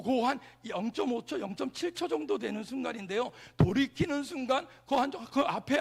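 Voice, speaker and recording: A man's voice: high voice, vocal fry, fairly bright tone, husky. A man preaching a revival sermon as pastor, telling a story playfully and throwing questions at the congregation. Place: large church sanctuary.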